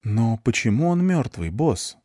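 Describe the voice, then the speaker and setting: A man's voice: mid-range voice, big pitch swings, measured pace, warm tone, no echo, studio quality. A man reading an audiobook, voicing an eager young female sidekick who asks her boss questions.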